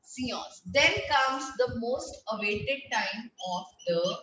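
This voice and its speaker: Slow-spoken woman teacher on a video call. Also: a little high, expressive, sharp tone, slight background noise. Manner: patient, repeats words for pupils to echo. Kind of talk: online class lesson. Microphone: laptop mic on a video call. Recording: roomy lo-fi video call audio.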